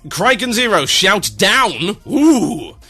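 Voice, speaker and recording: A man hosting an online radio show, rattling off listener shout-outs with dry sarcasm and mock grandeur. His voice is fairly high and bright, and it swings widely up and down in pitch. Soft music plays underneath. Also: sing-song, slow pace, breathy edge.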